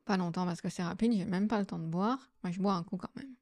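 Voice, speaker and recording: A woman hosting a software tutorial, explaining each step casually with frequent fillers. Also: lowish voice, quick pace, dry recording, studio quality. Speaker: astrophotography tutorial host. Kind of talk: screen-recorded software tutorial.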